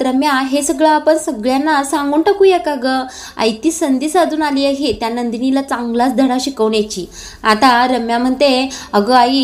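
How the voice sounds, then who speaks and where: Woman with a high voice retelling a tv serial episode, steady storytelling, little "uh" fillers between bits.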